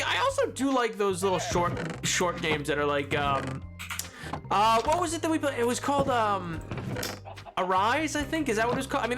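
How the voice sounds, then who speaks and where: A man chatting casually and excitably on a gaming livestream, joking and repeating his words. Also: high-pitched. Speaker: game streamer.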